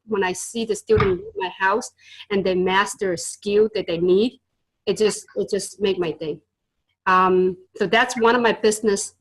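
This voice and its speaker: A tutor and business owner appears as a guest, earnestly recounting stories in a casual interview, her speech dotted with fillers and non-native grammar. She was born in Vietnam, grew up in China, and her first languages are Chinese and Vietnamese. Her voice is mid-range and fairly bright, though the recording quality is low.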